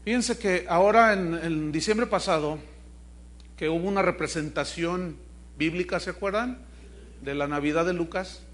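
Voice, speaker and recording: High-voiced pastor preaching. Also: male voice, moderate pace. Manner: animated storytelling with acted quotes, addresses the congregation. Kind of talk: sermon. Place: church congregation.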